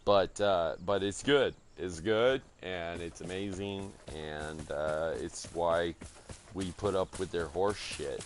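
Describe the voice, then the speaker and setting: Speaking slowly at a low pitch, a California man chats crudely and swears constantly while streaming a game. Slight background noise can be heard.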